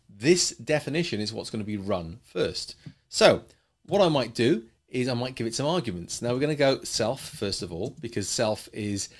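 A man teaching a coding lesson in a chatty way, explaining with playful asides. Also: mid-range voice. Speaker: programming teacher.

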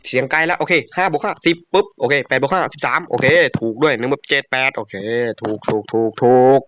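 A man giving casual, excitable commentary while he plays a video game, with frequent yelps. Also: on the high side, quick pace. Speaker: gamer.

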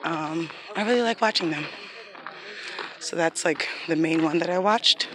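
A woman's voice: sits low, unhurried, a bit bright. A woman in her thirties vlogging on a phone held at arm's length while walking uphill on an outdoor park trail, reflective and devout, close to tears and a little out of breath. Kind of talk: casual walking vlog.

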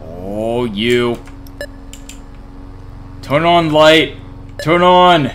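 A man's voice: mid-range voice, animated, very slow, background noise. A man giving horror game commentary who swears and talks to the monsters. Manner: jumpy, swears and yelps at scares. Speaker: gaming YouTuber.

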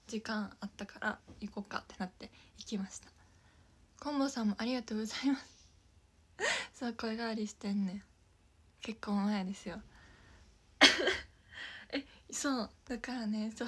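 Casually chatting on her livestream, the young idol has a Kansai Japanese accent and a slightly rough voice that sits a little high with a fairly bright tone. She giggles often, drops to a whisper at times, and thanks viewers one by one by name.

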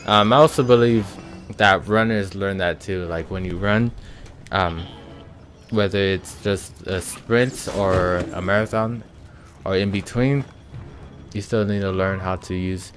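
Slow, low-voiced man thinking aloud. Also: soft background music. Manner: slow, thinking aloud with many ums and sighs. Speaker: gaming channel host. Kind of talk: casual let's-play commentary.

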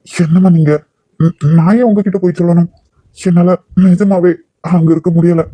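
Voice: mid-range voice, steady tone, normal speed, warm tone, no room sound, lightly acted. A performer voicing a heartbroken young man in a cartoon, who speaks hesitantly and stumbles over his words. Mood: evasive. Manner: hesitant, stammering, mournful. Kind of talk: cartoon voice acting.

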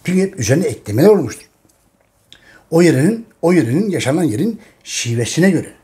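Animated Turkish man lecturing viewers. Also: on the high side, quick pace. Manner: repetitive, addresses listeners as friends, emphatic. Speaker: history channel host. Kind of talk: casual monologue to viewers.

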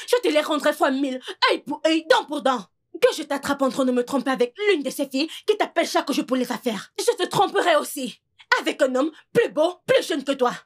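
An actress dubbing a furious wife who scolds and insults her husband. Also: high-pitched. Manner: accusing, insulting. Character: furious scolding wife, young adult woman. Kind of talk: dubbed film acting.

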